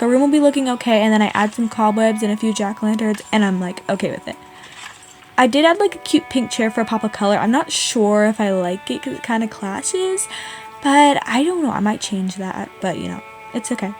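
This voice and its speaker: A Canadian woman, a video creator, narrates a game build in a casual, chatty voice-over over background music. She's informal and indecisive, often saying "like" and "honestly," and her voice is on the high side, a little fast, with lively intonation.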